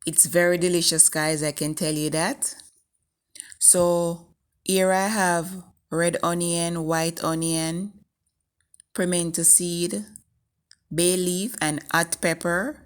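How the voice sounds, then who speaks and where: A woman with a morning voice narrating a recipe step by step in a measured, instructing way as the host of a home cooking video. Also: fairly low pitch, flat delivery. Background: faint music.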